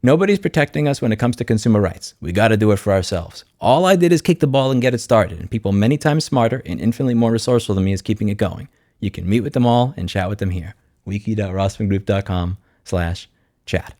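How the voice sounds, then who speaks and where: A consumer rights YouTuber rattles through an informal, unscripted screen walkthrough at a quick pace, sounding blunt and sardonic. His voice is on the low side, expressive and a little mellow, and the studio-quality recording has no echo.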